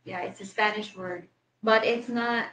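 A woman's voice: medium pitch, fairly even intonation, a little slow, a bit bright, roomy sound, poor audio. Livestream co-host: thirties woman, Filipino accent, explains things to viewers, faint hum behind. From Philippines. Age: 30s. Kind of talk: casual livestream Q&A. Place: small bedroom at home, indoors.

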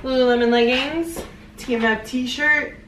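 A woman's voice: high-pitched, unhurried, fairly bright tone. A young woman in her twenties chatting casually with a friend on a vlog, upbeat and matter-of-fact. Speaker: friend and coworker. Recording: noisy phone vlog audio.

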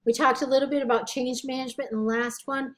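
A woman's voice: sits high, flat delivery, fast talker. Scratchy-voiced woman giving a lecture. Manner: conversational, self-correcting, asks rhetorical questions. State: scratchy, tired voice. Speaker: college instructor. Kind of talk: recorded lecture.

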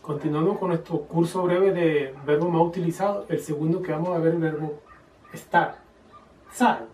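Guy teaching a lesson, slow careful examples, kinda high voice, echoey room, a bit far off the mic. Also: fairly even intonation, darkish tone, slight background noise. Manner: explains slowly, spells out example phrases. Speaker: Chinese teacher. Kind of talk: casual video lesson.

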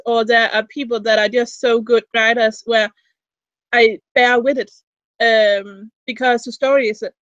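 Over a webcam mic in a small indoor room, a young Danish woman who writes fan fiction answers a casual video-call interview in English, her second language, with a Danish accent. Her slightly high, fairly bright voice rambles through restarts and fillers, and the recording is dry and muffled.

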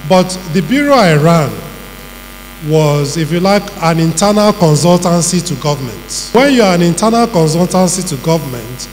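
A middle-aged man with a Nigerian accent giving a measured, emphatic public talk and listing his points one by one. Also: high voice. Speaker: panel speaker on governance. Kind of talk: public talk answering questions. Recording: reverberant hall with faint hum.

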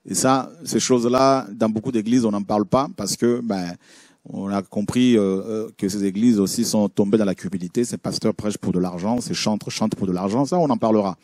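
Male preacher, low and dark-toned, halting with fillers while he comments and reads scripture. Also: fairly even intonation, dry recording, clean studio sound. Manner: hesitant, many fillers and restarts. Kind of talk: sermon with Bible reading and commentary on images.

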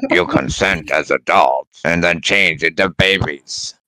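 A man voicing a sleazy cartoon host, deadpan, in an amateur meme dub with some noise and clicks. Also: low-pitched, a little slow. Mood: sly deadpan.

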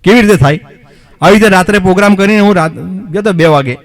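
A male comedian spins funny stories in a chatty stage manner. He turns to the audience with questions, and his voice sits a little higher than most men's. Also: quick pace. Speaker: mimicry comedian. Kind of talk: comic storytelling performance.

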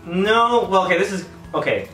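A bright-voiced young man reacts playfully as he eats gross jelly beans, his pitch jumping around. He chats casually in a roomy indoor space, a little way from the mic. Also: moderate pace. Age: young adult. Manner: playful, animated. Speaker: guest in a challenge video. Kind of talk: casual joking chat. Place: living-room couch indoors. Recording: roomy indoor echo, slightly distant mic. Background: faint music.

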